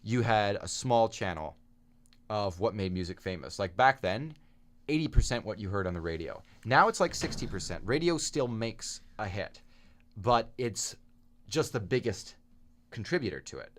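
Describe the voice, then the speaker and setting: A man's voice: fairly low pitch, animated, moderate pace, fairly bright tone. A young man co-hosting a podcast in casual chat, opinionated and talking in long stretches. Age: young adult. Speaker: podcast co-host.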